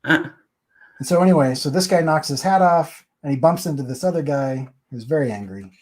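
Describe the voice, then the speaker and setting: A man's voice: on the high side, a little fast. A man hosting a comic book review, chatting casually and rambling as he walks through the story page by page. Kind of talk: casual chat.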